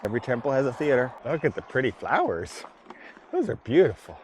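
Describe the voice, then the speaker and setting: A man's voice: medium pitch, sing-song, brisk, slight background noise. A man walking outdoors through ancient ruins, musing skeptically and a little tired from hiking. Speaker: vlog host. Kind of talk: casual walking commentary.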